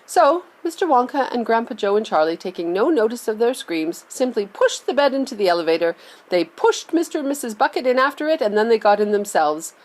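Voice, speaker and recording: A woman reading a children's novel aloud, expressive and lively. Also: fairly high pitch, a little fast. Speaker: reader.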